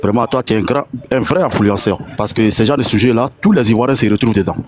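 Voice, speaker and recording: A man on a live audio chat, excitedly recounting a bank incident as a testimony, acting out the other people with a rising voice and many restarts. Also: medium pitch, quick pace, a little hiss or hum. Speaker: caller giving a testimony.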